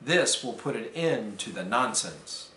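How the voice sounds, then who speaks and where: A man's voice: medium pitch, lively intonation, measured pace, sharp tone, voice pushed down. A man voicing a proud, flustered baker in a storybook read aloud, with indignant, blustering exclamations. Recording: roomy echo.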